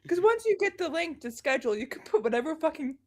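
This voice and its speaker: A woman's voice: high-pitched, big pitch swings, quick pace, a little mellow. A woman guesting on a podcast, chatting casually and laying out practical suggestions, with the odd swear word.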